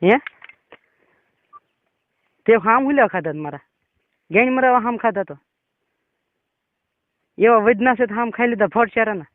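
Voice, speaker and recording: A man's voice: high-pitched, moderate pace, long pauses, no echo. A man presses his point on a phone call, pushy and insistent. The sound is tinny and narrow like a phone line, and completely dry. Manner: pushy, insistent, repeats "બરોબર?". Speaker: caller.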